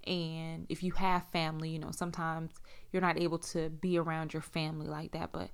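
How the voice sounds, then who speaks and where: A woman's voice: deep voice, flat delivery, a little fast, clear, resonant tone. A woman telling a personal story in a casual, blunt way, swearing heavily and acting out what people said. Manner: blunt, heavy swearing, frequent fillers; acts out dialogue in raised voices. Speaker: storyteller sharing a personal experience.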